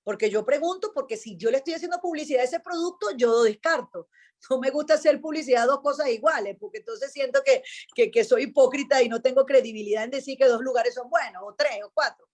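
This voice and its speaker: A woman with a Venezuelan accent speaks with a notably high voice, telling a personal testimony in a relaxed interview. She brings the story to life by acting out each person's lines. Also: fast talker. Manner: animated storyteller, acts out dialogue. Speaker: radio host, interview guest. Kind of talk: casual testimony chat.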